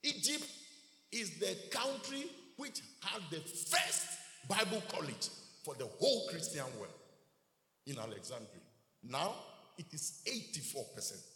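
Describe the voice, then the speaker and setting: A man's voice: fairly high pitch, big pitch swings, unhurried, bright, forceful tone. A man preaching a sermon, emphatic, with rhetorical questions and repeated key words. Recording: echoey hall reverb.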